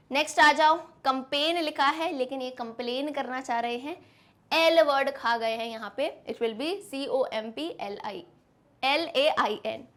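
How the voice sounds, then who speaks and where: High-voiced woman teaching English spelling. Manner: coaxing, spells words out letter by letter. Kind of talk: classroom lesson explaining to students.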